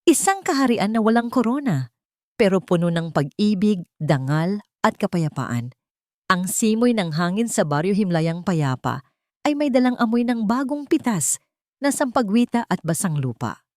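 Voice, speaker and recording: A woman with a Filipino accent narrates a scripted dramatic audio story in an earnest, sentimental way. Her medium-pitched, darkish voice is very animated at a moderate pace, recorded dry with clean studio sound.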